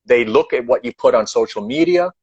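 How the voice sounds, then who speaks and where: A man's voice: mid-range voice, expressive, brisk, a little mellow, husky, no echo, highs cut off. Emphatic man giving frank advice. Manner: emphatic, repeats key points. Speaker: guest leadership speaker. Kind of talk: earnest advice in a live online chat.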